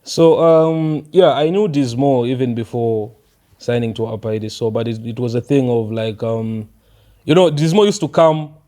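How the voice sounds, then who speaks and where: A man's voice: medium pitch, normal speed. A young Zambian man, a rapper guest, chatting casually in an interview, with a Zambian accent and lots of fillers and code-switching. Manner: relaxed, mixes English and local language, many fillers.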